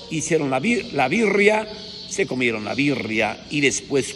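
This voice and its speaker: Brief: earthy Mexican preacher telling folksy stories, echoey hall, faint hiss behind. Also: male voice, medium pitch, a bit bright. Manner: colloquial, crude, rhetorical "¿sí?" tags.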